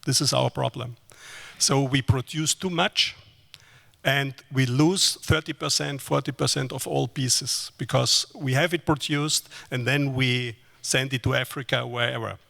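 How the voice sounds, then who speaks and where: A man's voice: medium pitch, steady tone, a little slow, vocal fry, fairly bright tone. A man speaking on a panel in short, plain, matter-of-fact statements. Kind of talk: panel discussion.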